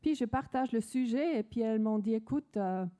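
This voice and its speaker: A woman's voice: on the high side, moderate pace, dark tone. A woman from Denmark with a Danish accent, earnestly telling her personal faith story with many restarts. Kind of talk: personal testimony.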